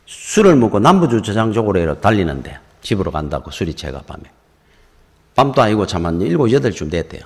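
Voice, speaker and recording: A man's voice: lowish voice, quick pace. A middle-aged man with a Gyeongsang accent, a pastor telling stories in a conversational sermon in a church. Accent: Gyeongsang Korean. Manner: storytelling, conversational and lively. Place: church sanctuary. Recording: reverberant church hall.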